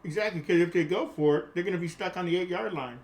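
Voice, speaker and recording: Emphatic young man, slightly high voice. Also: fast talker. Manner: emphatic, stumbling over words. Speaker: co-host. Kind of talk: casual sports chat.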